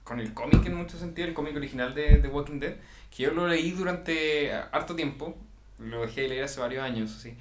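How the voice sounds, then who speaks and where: A man with a Chilean accent, speaking calmly and reflectively in a casual podcast chat. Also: a little high, a little fast, slight background noise. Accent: Chilean Spanish. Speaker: podcast co-host. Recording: echoey room.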